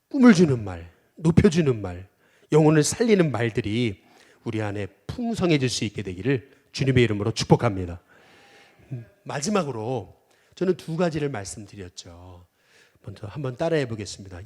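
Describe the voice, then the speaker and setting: A male pastor preaching a sermon in a church, leading the congregation to repeat phrases after him and stretching key words slowly and loudly. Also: mid-range voice. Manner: rises loud and emphatic on repeated phrases. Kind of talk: sermon with call-and-response repetition. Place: church sanctuary.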